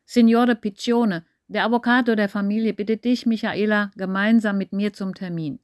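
Woman reader puts on a theatrical, sobbing man in an audiobook; loud, raised, dry close sound. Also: mid-range voice, steady tone, moderate pace, no echo, lightly acted. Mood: aggrieved. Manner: exclaiming, sobbing, ranting. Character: melodramatic grief-stricken man, loud and theatrical.

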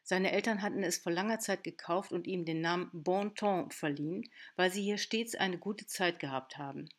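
Low-voiced woman narrating an audiobook. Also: moderate pace. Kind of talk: scripted narration.

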